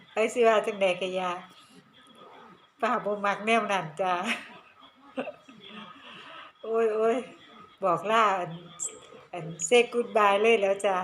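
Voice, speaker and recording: A woman's voice: mid-range voice, a little hiss or hum. Laughing middle-aged Isan woman vlogger. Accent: Isan Thai. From Northeast Thailand. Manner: animated, laughs often, teasing. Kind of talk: casual chatty vlog. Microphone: handheld phone camera.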